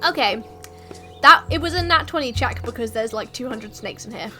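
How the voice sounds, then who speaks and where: A woman's voice: a little high, expressive, normal speed, sharp tone, faint music behind. A woman running a tabletop game as game master, narrating casually and conversationally.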